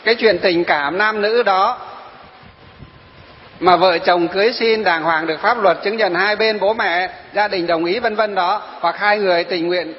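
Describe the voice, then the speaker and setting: A man's voice: high-pitched, moderate pace, big-room sound, lo-fi sound. A man, a Buddhist monk, giving a dharma talk, telling stories of his followers and asking rhetorical questions.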